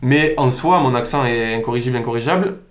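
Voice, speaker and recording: A man from Provence with a Provençal accent, a podcast guest telling stories in an animated, informal, slangy way. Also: medium pitch, quick pace. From Provence, southern France. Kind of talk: casual podcast conversation. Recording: roomy echo.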